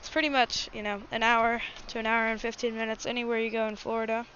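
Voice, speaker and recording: A woman gives casual live spotting commentary in a bright, fairly high voice. She chats informally and addresses her audience directly. The recording is slightly dull, with faint noise behind her. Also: flat delivery, quick pace. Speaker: livestream host.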